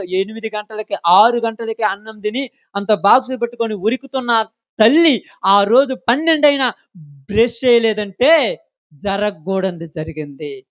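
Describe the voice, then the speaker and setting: A man's voice: sits high, dry recording. A man preaching a sermon, scolding the congregation with impassioned rhetorical questions. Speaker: pastor.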